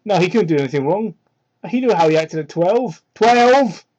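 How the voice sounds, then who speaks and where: Expressive and a little mellow, this man moves at a moderate pace while hosting a dramatic, mocking reading of fan fiction full of sarcastic, incredulous asides and theatrical stress. Recorded on a cheap mic, it sounds muffled and low quality.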